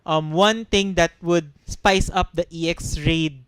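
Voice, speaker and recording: A man's voice: on the high side, steady tone, a little slow, fairly bright tone, clear, resonant tone, dry recording. A man co-hosting a casual gaming podcast, thinking aloud with frequent restarts and ums. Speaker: podcast co-host. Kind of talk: casual chat.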